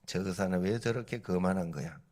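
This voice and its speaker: An irate, impatient father fires accusing questions at a doctor, as a preacher puts him on in a story. The voice sits a little low and stays conversational, with a demanding edge. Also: a little fast, a little mellow, close to an everyday voice. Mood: angry. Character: angry impatient father of a sick boy. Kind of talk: sermon illustration.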